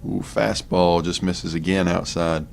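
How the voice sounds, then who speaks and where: Young guy calling baseball, real low voice, casual chatty commentary, bit of background noise. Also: a little slow, creaky. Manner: relaxed, chatty, offhand asides between pitches. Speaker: play-by-play announcer. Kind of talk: sports commentary.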